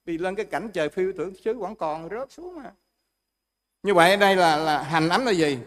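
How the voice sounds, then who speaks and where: A man gives a Buddhist dharma talk in a fairly high voice. He explains with homely examples and keeps turning to the listeners with questions. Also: lively intonation, moderate pace. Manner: explains with everyday examples, asks the audience questions. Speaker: Buddhist monk teacher.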